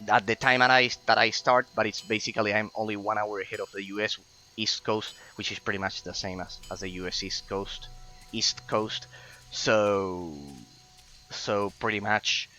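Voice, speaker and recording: A man's voice: lowish voice, sharp tone. A man from Argentina, chatting casually while streaming gameplay, rambling and effusively thankful with many restarts. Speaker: game streamer.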